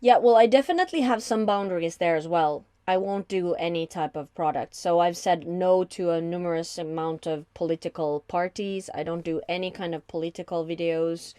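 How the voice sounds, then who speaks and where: A woman who works as a voice-over artist and coach, talking in a warm, reflective way in casual conversation. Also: fairly low pitch, steady tone, moderate pace, hardly any pauses, clean tone, no echo. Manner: warm, reflective, laughs easily.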